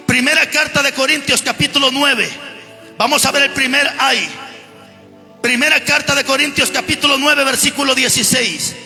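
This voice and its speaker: A male pastor from Guatemala preaching a fervent, emphatic sermon in a church, often raising his voice to a shout. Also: very high-pitched. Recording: long hall reverb with music behind.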